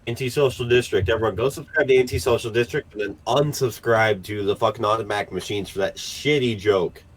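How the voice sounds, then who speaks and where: A man's voice: lowish voice, fairly quick, poor audio. A man hosting a casual podcast, ranting and swearing with sarcastic humor. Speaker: podcast host.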